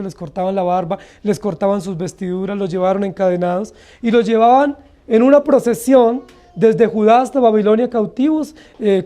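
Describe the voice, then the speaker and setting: A man's voice: sits high, mellow. A man with a Colombian accent preaching an expository sermon as a pastor, earnestly asking the congregation one rhetorical question after another. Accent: Colombian Spanish.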